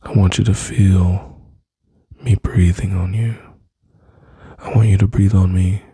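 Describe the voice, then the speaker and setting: A man speaking slowly and intimately into a close mic, soothing and reassuring, often dropping to a whisper. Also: deep voice, level tone, warm tone, slightly rough, dry recording. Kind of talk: soft-spoken ASMR comfort roleplay.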